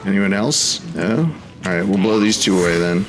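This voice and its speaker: A man with a low voice hosts a gaming video, giving casual let's-play commentary in short, mild exclamations at normal speed. Video game music plays behind his voice, along with some background noise.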